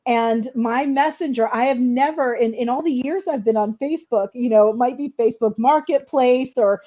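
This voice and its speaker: Middle aged lady sharing her story, mellow voice, earnest n halting, bit dull audio. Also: a little high. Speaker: interview guest telling personal story. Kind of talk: personal storytelling in an interview.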